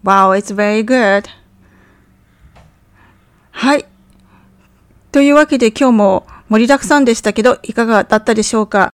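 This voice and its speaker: A woman with a fairly high voice leads an English lesson, explaining phrases and running repeat-after-me drills. She sounds friendly and encouraging when she says the English lines. The recording is dry and close, with no room sound. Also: fast, dry recording. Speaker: English teacher.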